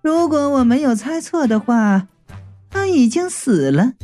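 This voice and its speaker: A reader voicing a sly, calm young woman who talks softly and knowingly in an audiobook story. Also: sits high, a little slow, soft background music, voice pushed up. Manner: soft, hushed and knowing. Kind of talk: audiobook character voice.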